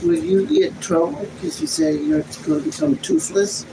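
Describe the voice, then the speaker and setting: A man's voice: sits high, big pitch swings, moderate pace, vocal fry. A man tossing out short joking quips during a casual family chat. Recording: distant mic in a noisy room.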